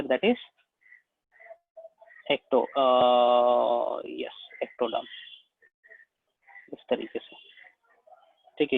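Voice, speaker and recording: A man's voice: mid-range voice, no echo. A man with an Indian accent giving a biology lecture, explaining step by step and checking in again and again with his students. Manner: slow, repetitive, checks in with "है ना?" again and again. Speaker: biology teacher. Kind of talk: classroom lecture at a whiteboard. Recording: tinny phone-like sound, dry.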